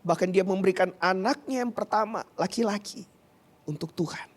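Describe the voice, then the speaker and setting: A man's voice: sits high, normal speed. A male pastor preaching a sermon, telling a personal story in an earnest, emotional way and often addressing the congregation directly.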